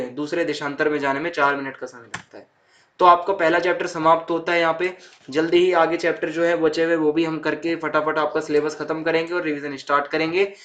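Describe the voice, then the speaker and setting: A young man with a somewhat high-pitched voice teaches a school geography chapter. He explains things step by step, repeats key points and keeps checking that his students follow along. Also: fairly bright tone, highs cut off. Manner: repeats points with "thik hai" check-ins.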